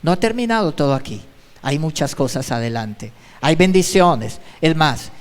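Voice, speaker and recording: A man's voice: on the high side, lively intonation, normal speed, in a large hall. A male pastor giving an emphatic sermon, repeating his exhortations. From Colombia. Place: church.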